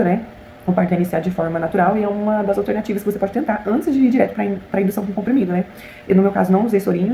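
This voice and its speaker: Fast-talking Brazilian woman vlogger. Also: on the low side. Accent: Brazilian Portuguese. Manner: animated, chatty, frequent "gente" and "né" asides. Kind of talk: casual storytelling to viewers. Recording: echoey room with faint hiss.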